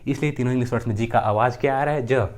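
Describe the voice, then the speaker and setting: A man's voice: medium pitch, a little mellow. Young guy teaching pronunciation, says every rule twice, asks then answers himself. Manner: repeats rules and example words slowly, asks and answers his own questions. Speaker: English teacher. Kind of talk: pronunciation lesson.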